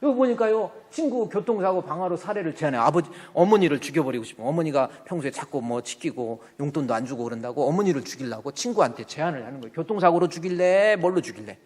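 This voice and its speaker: Pastor guy preaching in a big echoey church, gets loud and worked up, pretty high voice. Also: fast, few pauses, slightly rough. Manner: animated, colloquial, rising to loud emphatic bursts. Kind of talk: sermon. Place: church sanctuary. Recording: long church reverb. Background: long hall reverb.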